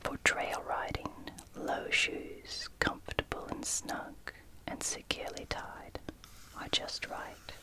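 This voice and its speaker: ASMR host for book read-through: library whisper, fully unvoiced, unhurried, gentle, short phrases with pauses. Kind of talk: whispered ASMR, reading and commenting on a picture book.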